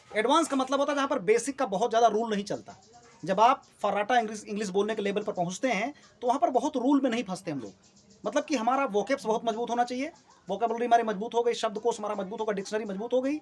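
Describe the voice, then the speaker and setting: A man teaching an English lesson in Hindi. He explains sentence types step by step, often checks in with the class, and repeats key terms. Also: very high-pitched. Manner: says English example sentences more loudly and clearly.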